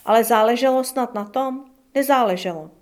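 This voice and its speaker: Woman narrating an audiobook calmly. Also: fairly high pitch.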